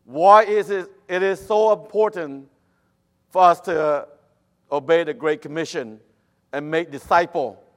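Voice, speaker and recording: A man from Cambodia, a native Khmer speaker, preaching a church sermon in halting English with a Cambodian accent. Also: on the high side. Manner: halting, with nonstandard English phrasing. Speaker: missionary guest preacher.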